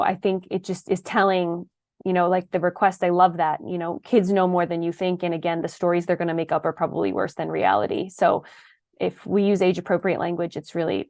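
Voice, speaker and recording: A woman's voice: fairly low pitch, vocal fry, a little mellow, no echo. Earnest woman telling a story, dry sound. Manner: earnest, storytelling, quick asides. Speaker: panel guest, sibling of a person with addiction. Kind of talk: casual panel discussion.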